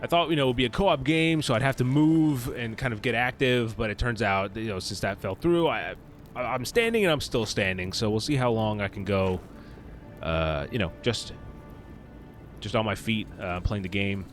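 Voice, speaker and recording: A man's voice: lowish voice, moderate pace, soft background music. A man doing casual live commentary on a video game as a streamer, slangy and rambling.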